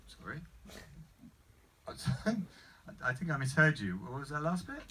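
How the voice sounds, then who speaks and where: A man's voice: on the high side, very animated, measured pace, sharp tone, far from the mic, slight background noise, heavily acted. A man acting as a baffled, sceptical customer at a screenplay table read, hesitant and questioning, stammering as he goes. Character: baffled, sceptical male customer probing for the catch.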